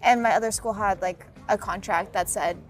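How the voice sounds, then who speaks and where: A woman's voice: mid-range voice, fairly even intonation, moderate pace, soft background music. A woman from Idaho in her late twenties, an English teacher telling her stories in a casual interview, full of "like" fillers and acted-out reactions. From Idaho, USA. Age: late 20s. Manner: chatty storytelling, many "like" fillers, acts out quoted reactions.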